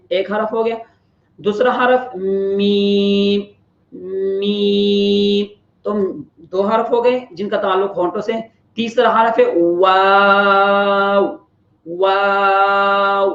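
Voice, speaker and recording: A tajweed teacher giving a Quran pronunciation lesson, patiently explaining and stretching out each letter sound to demonstrate it. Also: medium pitch. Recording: roomy, slightly dull lo-fi recording.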